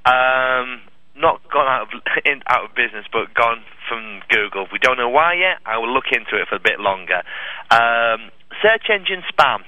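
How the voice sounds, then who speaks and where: A man's voice: mid-range voice, expressive, normal speed, no room sound. A man co-hosting a casual chat, blunt and teasing, who swears freely. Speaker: podcast co-host. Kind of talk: casual banter. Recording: dull lo-fi line.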